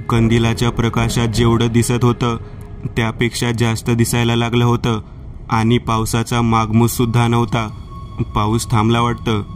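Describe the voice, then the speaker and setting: A man reading out a horror story as a scripted narration, with steady, even storytelling. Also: mid-range voice.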